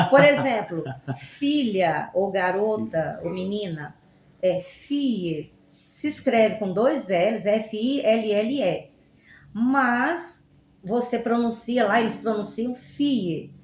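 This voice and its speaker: A woman's voice: mid-range voice, expressive, slow pace. A woman talks casually, like a teacher, about words and their roots. She keeps asking rhetorical questions and throws in playful examples. Her voice sits in a middle range and carries a roomy echo. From Goiás, Brazil. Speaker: Portuguese teacher, guest. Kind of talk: casual explanatory chat. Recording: roomy echoey room.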